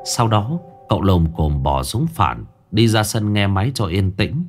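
A man's voice: fairly low pitch, measured pace, music in the background. A man narrating a ghost story expressively. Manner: expressive, animated.

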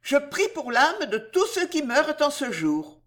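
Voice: sits high, very animated, measured pace, a bit bright, voice pushed up, exaggerated voice. A French audiobook reader voicing a cold, ruthless aging queen who gives urgent orders. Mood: cold urgency. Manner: icy, urgent commands.

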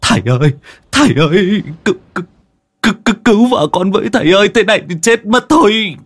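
A man's voice: high voice, animated, normal speed, a bit bright, pitched above the performer's own voice. A man voicing a panicked young village husband who stammers and wails his pleas. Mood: panicked pleading.

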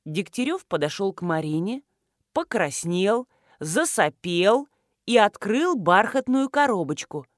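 A woman's voice: medium pitch, very animated, a little slow, no echo, clean studio sound. A woman narrating a first-person audiobook with wry, ironic storytelling.

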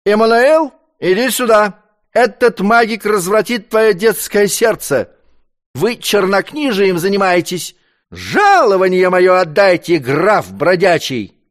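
A man reading an audiobook, voicing a drunk, belligerent male servant who shouts at his master. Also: high voice, lively intonation, slow pace, voice pushed up. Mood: drunk angry. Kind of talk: audiobook character voice.

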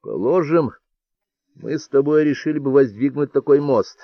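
A man's voice: mid-range voice, moderate pace, no echo, dull audio, voice pushed up, lightly acted. A man reading an audiobook, voicing a thoughtful warlord in an earnest, musing tone.

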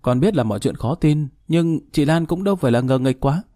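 A man's voice: on the high side, expressive, a little fast, dark tone, no room sound, clean studio sound, natural voice. A man reading the part of a stern, decisive older mother who gives curt orders, in a spoken story. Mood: confident. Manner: curt, commanding.

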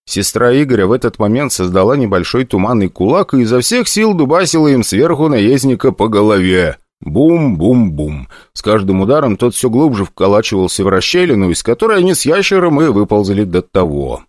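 A man narrating a fantasy audiobook in the first person, his storytelling animated and full of lively pitch movement. His voice sits on the low side and sounds dry and close to the mic. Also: a little fast, few pauses, dry recording.

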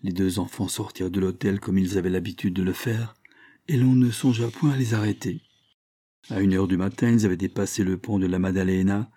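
A man reading a classic story aloud as an audiobook narrator, in a measured, even manner. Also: sits low. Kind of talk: scripted narration.

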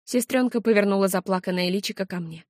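A woman narrates an audiobook in the first person, steady and expressive. Her voice sits in a middle pitch. The recording is dry and close, with no room sound. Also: fast, no echo.

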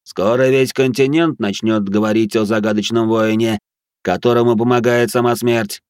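A man voicing a second male lizardfolk guard, speaking higher and quicker than his partner, loudly proclaiming. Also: steady tone, clear, resonant tone, dry recording, studio quality, natural voice.

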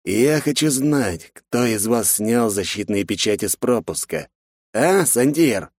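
A man voicing a stern, bossy, middle-aged male academy director in an audiobook, barking and scolding with drawn-out emphasis. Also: medium pitch, expressive, darkish tone, dry recording, voice pushed up. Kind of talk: audiobook character voice.

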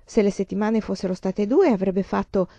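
A woman reading a novel aloud in a calm, even storytelling voice. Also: medium pitch, moderate pace, no room sound. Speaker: reader. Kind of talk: audiobook reading.

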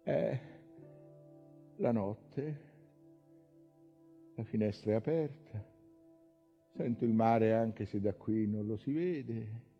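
A weary old whaling captain, obsessed and haunted by his past, in a stage monologue. The voice is gravelly and unhurried, brooding and halting, moving between hushed murmurs and fierce outcries, with faint music underneath. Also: fairly low pitch, lo-fi sound. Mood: brooding, wistful. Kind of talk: theatrical dramatic monologue.

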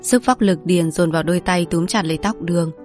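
A woman host reading a novel aloud in measured, polite scripted narration. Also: on the low side, soft background music. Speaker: audiobook narrator.

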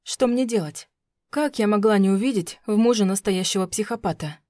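A woman's voice: medium pitch, a little fast, darkish tone, no room sound, clean studio sound. A woman reading a first-person audiobook in a tense, dramatic way. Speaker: audiobook narrator.

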